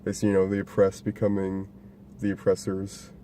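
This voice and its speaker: Mellow-voiced rambling guy, casual chat. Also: deep voice, monotone, moderate pace. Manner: rambling, laughs often, swears casually. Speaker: podcast co-host reviewing a movie. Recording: faint background noise.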